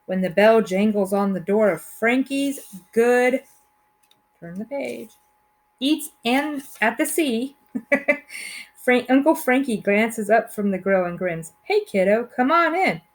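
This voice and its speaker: A woman teacher reading a chapter book aloud to her students, friendly and unhurried. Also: a little high. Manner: friendly, unhurried, with small laughs.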